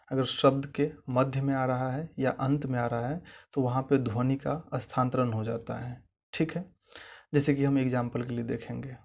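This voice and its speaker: A young man teaching a spoken language lesson, explaining patiently, saying example words slowly and repeating them. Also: mid-range voice, creaky, darkish tone.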